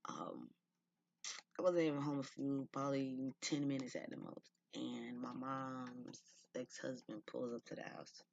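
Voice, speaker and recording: A man's voice: medium pitch, fairly even intonation, unhurried, gravelly, no echo. A man in his thirties telling a personal story in a casual, chatty way, full of "like" and "y'all". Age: 30s. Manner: chatty, fills speech with "like" and "y'all". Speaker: vlogger. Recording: dull lo-fi dry sound.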